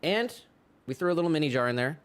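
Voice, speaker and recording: A man co-hosting a live stream from a pottery studio, chatting casually and giving chat shout-outs with easygoing fillers. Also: fairly high pitch, expressive, fast talker, slight background noise. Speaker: livestream co-host.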